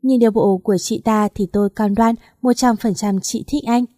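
A woman's voice: medium pitch, fairly even intonation, moderate pace, warm tone, dry recording, clean studio sound. A woman narrating a first-person story in an emotional, heartfelt way.

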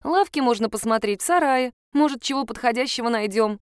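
A woman reading the part of an older grandfather who talks gently and mildly scolds, in an audiobook. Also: on the high side, fairly quick, clean tone, no room sound, studio quality, voice pushed up, close to an everyday voice. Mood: fond. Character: older grandfather, kindly, embarrassed. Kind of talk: audiobook character voice.

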